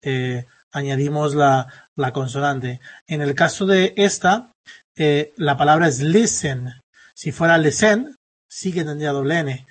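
Casting: husky male teacher, slightly high voice, patient and halting, lots of fillers. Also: fairly even intonation. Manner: patient, explaining step by step with many fillers. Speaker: English teacher. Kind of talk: classroom grammar explanation.

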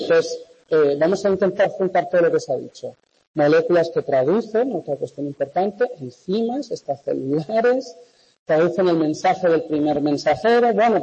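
Lecturer in a heavily echoing hall. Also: male voice, high-pitched, dark tone, husky. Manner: explanatory, checks understanding with quick questions. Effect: heavy classroom echo. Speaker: university lecturer. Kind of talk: classroom lecture with questions to students. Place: large echoey lecture hall. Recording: muffled echoey hall recording.

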